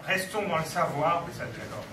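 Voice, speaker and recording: A man's voice: fairly high pitch, expressive, normal speed, over a noisy crowd. A man hosting a live poetry evening, introducing guests in a casual, hesitant way. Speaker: event organizer and host. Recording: echoey room, far from mic, noisy.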